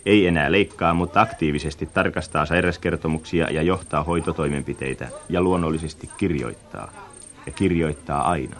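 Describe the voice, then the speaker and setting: A man with a very low, deep voice narrates a radio reportage. He speaks in a measured way, lingering over his descriptions and reflecting on what he sees.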